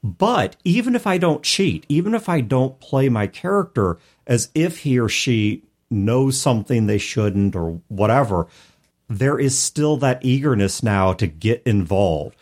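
An expressive, slightly mellow mid-range voice belongs to a US-born man co-hosting a chatty podcast on role-playing games. He takes his time, explaining points in long sentences full of careful qualifications.

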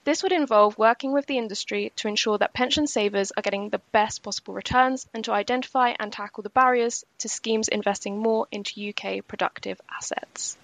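A woman co-hosts a podcast, working through a scripted roundup of pension news at a measured, explanatory pace. Her voice sits fairly high and carries a gravelly fry, and the recording is dry and close with no room sound. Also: a bit bright, no room sound. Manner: measured and explanatory, slowing for key points. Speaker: podcast co-host.

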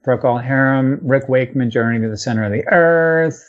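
A man hosting a podcast, talking casually and rattling off one title after another. He sounds relaxed and loose, dropping the odd swear word. The recording is dull and slightly lo-fi. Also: medium pitch, normal speed. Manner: rattles off long lists, with fillers and profanity. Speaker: podcast host. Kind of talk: casual chat listing albums.

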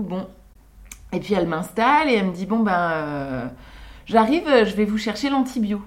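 A young woman with a slightly low voice recounts her birth stories in a soft, intimate, reflective way. She talks unscripted and halting, stopping often on fillers as she gathers her thoughts. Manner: hesitant, many pauses and fillers. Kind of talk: unscripted personal testimony.

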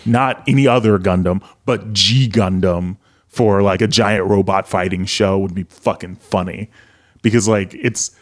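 A man with a fairly low voice jokes loosely through a casual podcast chat. He swears offhandedly and keeps a relaxed, easygoing flow. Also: measured pace. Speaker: podcast co-host.

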